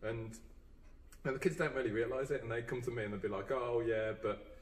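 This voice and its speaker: A man's voice: mid-range voice, quick pace. Man, chatty, from off-mic. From England (Dudley). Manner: earnest, chatty, many fillers and restarts. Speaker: guest, teacher. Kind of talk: casual podcast chat. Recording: roomy, distant mic, faint background.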